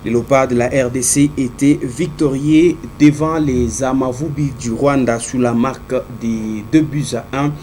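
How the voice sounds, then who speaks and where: A man presenting sports news on television in a halting, hesitant way. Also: mid-range voice, fairly even intonation, dark tone, a little hiss or hum.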